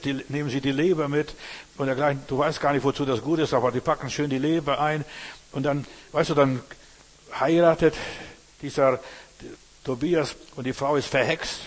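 A man preaches in a loose, conversational way, drifting between Bible stories and his own anecdotes. He keeps checking in with his listeners, asking whether they follow him. His voice rings out with a long reverb, as in a large hall. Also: medium pitch. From not from Berlin. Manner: rambling, keeps asking "verstehst du?". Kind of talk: informal sermon with Bible reading.

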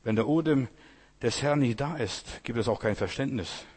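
A man's voice: mid-range voice, normal speed, a little mellow, husky. A man preaching a sermon, addressing the congregation directly and often asking "you know?". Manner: addresses listeners directly with "weißt du" and "Geschwister".

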